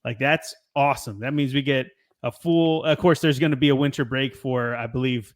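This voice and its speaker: Young guy hosting a soccer podcast, laid back, rambles a bit, mid-pitched. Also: moderate pace. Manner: relaxed, rambling, laughs easily. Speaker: podcast host. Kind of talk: casual chat.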